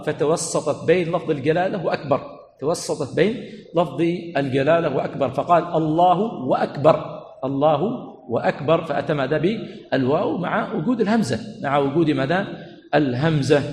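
A man's voice: a little high, a little mellow. Man lecturing in an echoey hall. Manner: prompts students with repeated questions, stretches words slowly. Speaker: sheikh teaching a religious lesson. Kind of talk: classroom lecture. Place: teaching center hall. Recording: echoey hall with long reverb, faint room noise.

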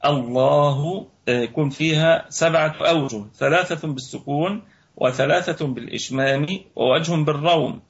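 A man from Egypt teaching Quran recitation rules, explaining slowly and repeating words to show how they are pronounced. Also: fairly high pitch, vocal fry. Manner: measured, repeats words to demonstrate pronunciation. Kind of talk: tajweed lesson, slow explanation. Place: online voice chat room. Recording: lo-fi online voice chat audio.

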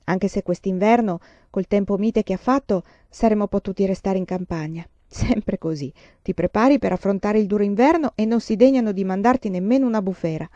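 A good-humored pioneer father with a playful, teasing way of talking, as a woman reading the story puts him on. The voice is mellow and soft-edged, and the recording sounds dull and dry, with a muffled top end. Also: medium pitch, a little fast, hardly any pauses, no echo, close to an everyday voice. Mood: cheerful. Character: cheerful joking pioneer father.

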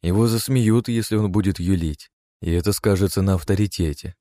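Deep dark-voiced male audiobook narrator. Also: brisk, no echo.

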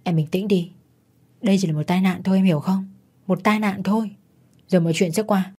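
A woman's voice: mid-range voice, fairly even intonation, brisk, dark tone, slightly rough. A woman narrator voicing a callous, scheming man who urges and soothes in a told story. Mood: urgent, cold. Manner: urgent, pushy.

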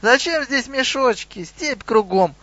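A man's voice: extremely high pitch, expressive, a little slow, bright, forceful tone, no echo, highs cut off, voice pushed up, heavily acted. A man voicing a small cheeky male goblin in a raised, giggly voice.

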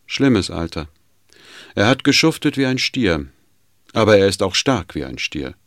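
A man's voice: on the low side, sing-song, measured pace, fairly bright tone, no echo, studio quality, full character voice. A man voicing a cool, taciturn older doctor who speaks tersely and matter-of-factly.

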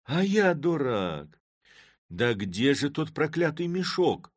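Man putting on a raised, lively, boisterous Cossack for a storybook reading; mocking and loud. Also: fairly high pitch, slow, no echo, clean studio sound, pitched above the performer's own voice, heavily acted. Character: boisterous middle-aged Cossack man, blustering and sly.

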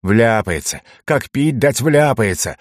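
Narrator as a gruff, irritable rogue; dry and close. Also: male voice, mid-range voice, expressive, slow pace, no echo. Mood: grumbling.

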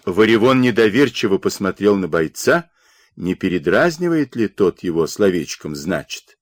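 Low-voiced expressive male audiobook reader. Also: moderate pace, no room sound, studio quality. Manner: expressive storytelling reading. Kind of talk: scripted audiobook narration.

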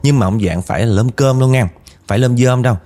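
A man casually telling a ghost story to his viewers, his voice climbing when he quotes angry outbursts. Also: quick pace. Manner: animated, rises in pitch when quoting angry speech.

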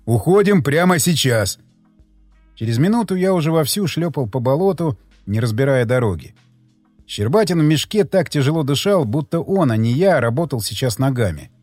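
A man narrating a tense first-person story in an expressive reading voice. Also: medium pitch, a little fast, no room sound. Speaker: audiobook narrator. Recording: dry close mic with faint music.

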